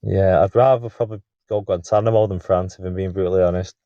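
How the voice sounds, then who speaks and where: A man's voice: sits low, steady tone, quick pace, no room sound, dull audio. A man with an English accent trading dry, sardonic quips in casual podcast banter. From England.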